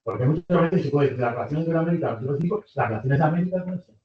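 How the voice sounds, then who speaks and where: Older professor lecturing in a hall. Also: male voice, fairly high pitch, racing, slight background noise. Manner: lively, rhetorical questions to the audience. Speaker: university professor. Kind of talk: university lecture. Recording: distant, roomy, muffled lecture hall recording.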